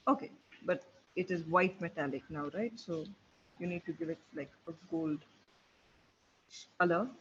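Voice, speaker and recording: High-voiced man demoing software. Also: moderate pace. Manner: thinking aloud while clicking through a tool. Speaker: webinar presenter. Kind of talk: live software demo walkthrough. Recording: dull lo-fi webinar audio with faint hiss.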